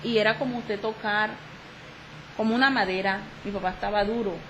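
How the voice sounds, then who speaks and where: A woman giving an emotional religious testimony on the radio, halting and repeating herself as she acts out the dialogue she quotes. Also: mid-range voice, fairly even intonation, a bit bright, a little hiss or hum, rough recording.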